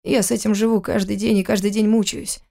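A woman reading the part of a hard, bitter young husband who speaks curtly and forcefully. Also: medium pitch, flat delivery, fast talker, creaky. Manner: forceful, curt.

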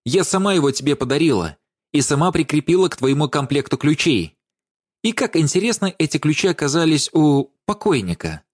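A man's voice: a little high, sing-song, brisk, dry recording, clean studio sound, pitched above the performer's own voice. Man voicing a scornful, accusing young woman. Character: sharp, indignant young woman confronting a lover.

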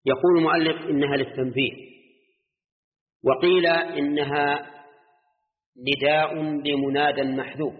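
A man's voice: on the high side, fairly even intonation, moderate pace, long pauses. A male scholar giving a classroom lesson on Quranic grammar. He explains step by step, checks with short questions to his students and chants the verses he quotes. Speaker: Islamic scholar teaching Quran exegesis. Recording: dull lo-fi recording in a reverberant hall.

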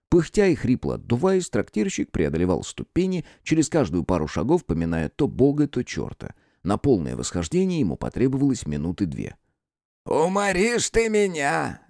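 A man reading an audiobook, narrating with expressive delivery. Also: lowish voice, vocal fry, no room sound, clean studio sound. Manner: expressive storyteller. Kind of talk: scripted narration.

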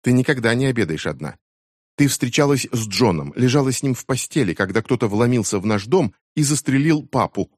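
A man voicing an angry, grieving teenage girl who hurls quick, shrill accusations at her mother. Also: darkish tone, no room sound, studio quality, natural voice. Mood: accusing. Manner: shrill, fast accusing outbursts.

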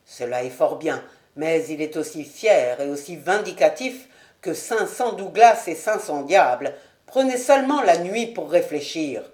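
A woman's voice: sits low, animated, darkish tone, pitched below the performer's own voice. Woman doing a cautious, weary nobleman. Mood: placating. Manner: placating, reluctant and measured. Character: cautious middle-aged nobleman, a weary high official. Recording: roomy home recording.

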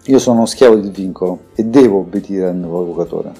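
A cornered young demon of a fantasy audiobook pleads earnestly in a low, mellow voice, as the narrator reads him. His tone stays soft and imploring. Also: quick pace, creaky, soft background music. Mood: pleading.

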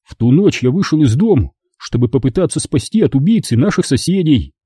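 A defiant teenage boy who protests hotly and shouts back, as a man reading an audiobook plays him. The voice is husky and warm, a little raised in pitch. The sound is dry and close to the mic. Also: big pitch swings, a little fast, dry recording. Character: defiant fifteen-year-old boy, troubled and intense.

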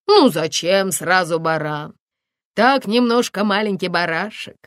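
A bossy but coaxing middle-aged village healer woman, as a female reader plays her. She talks in a motherly, persuading way with a lowish voice. The sound is close and dry. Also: lively intonation, unhurried, no echo.

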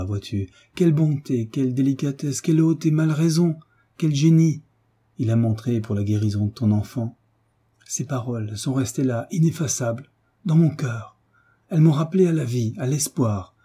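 A man's voice: medium pitch, warm tone, slightly rough, close to an everyday voice. A man reading the part of an ardent, grateful teenage boy, speaking with fervent, rising feeling. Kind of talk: audiobook character reading.

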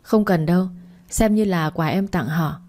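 Cheerful, shy young florist read by a woman, mellow low voice, light storybook read. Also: a little slow.

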